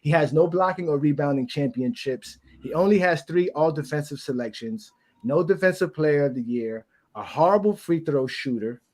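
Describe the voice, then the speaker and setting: Male sports-talk host, fast delivery, slightly high voice, casual debate. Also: expressive, a little mellow. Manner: talks fast, laughs often.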